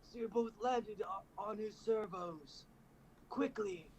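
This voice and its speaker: A man's voice: sits high, slow pace, a little hiss or hum, low-quality recording. A man co-hosting a comedy show, reading fan fiction aloud with wry, swearing asides. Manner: wry, swears casually, adds sarcastic asides.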